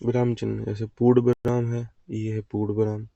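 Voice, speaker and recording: A man's voice: lowish voice, flat delivery, moderate pace, creaky, warm tone, dry recording. A man teaching an exam-prep grammar lesson, asking questions and answering them himself in a call-and-response way. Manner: quizzing, call-and-response delivery. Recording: dull lo-fi sound.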